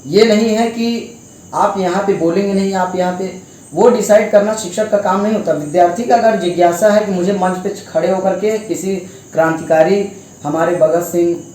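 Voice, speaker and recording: A man's voice: high-pitched, steady tone, moderate pace, darkish tone. Echoey young man speaking out. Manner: emphatic, rhetorical questions. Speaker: student speaking out. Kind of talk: impassioned interview answers. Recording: very echoey with faint noise.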